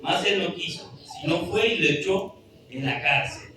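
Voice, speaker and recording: A man's voice: high-pitched, normal speed, bright, forceful tone, a little hiss or hum. A man preaching a sermon, reading scripture aloud in an earnest, pleading way. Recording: echoey room, distant mic, music behind.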